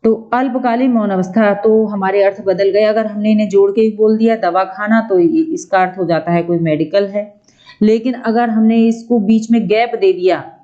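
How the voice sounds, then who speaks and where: A woman teaching Hindi grammar in an exam-prep lecture, slowly repeating each point and checking in with her students. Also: medium pitch, warm tone, highs cut off. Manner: slow, repeats points, keeps checking with "ठीक है".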